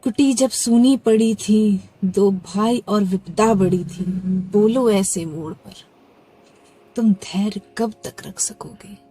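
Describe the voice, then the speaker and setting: A woman reciting devotional poetry with expressive delivery, her voice swelling and sinking to soft near-whispers on the refrains. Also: medium pitch, slow, breathy edge. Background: faint background music.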